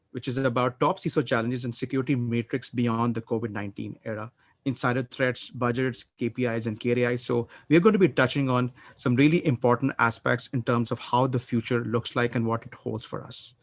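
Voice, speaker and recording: Measured man moderating a panel, dry sound. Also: mid-range voice, fairly even intonation, dry recording. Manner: measured, with occasional filler pauses. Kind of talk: formal panel introduction and moderation.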